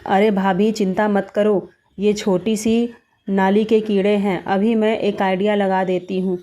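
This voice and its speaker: A woman's voice: mid-range voice, level tone, a little slow, mellow, close to an everyday voice. Woman playing a reassuring young sister-in-law.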